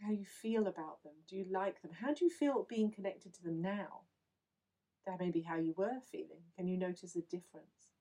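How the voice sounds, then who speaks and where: Woman with a mellow voice guiding a meditation. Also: on the low side. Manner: slow, soothing, instructive. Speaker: meditation guide. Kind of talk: guided visualization.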